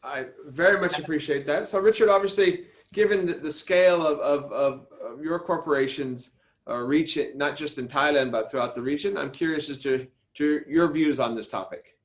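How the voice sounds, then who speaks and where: A man moderating a panel, polite and measured as he hands over a question. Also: a little high.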